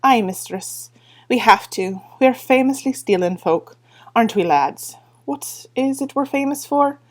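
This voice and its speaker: A woman's voice: fairly high pitch, animated, a little slow, voice pushed up. A woman voicing a tiny, rowdy male fairy warrior, reading a book aloud. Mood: proud. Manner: boisterous, rallying.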